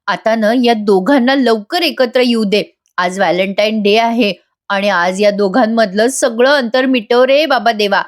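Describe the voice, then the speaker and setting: A woman voicing a playful, pushy young wife in a serial recap, scolding and excited. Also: a little high, a little slow, natural voice. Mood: eager.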